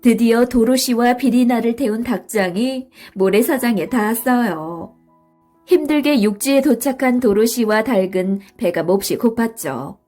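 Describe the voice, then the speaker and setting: Sex: woman. Role: storyteller. Style: bedtime story narration. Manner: soft, soothing, a bit high. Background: faint music. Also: unhurried.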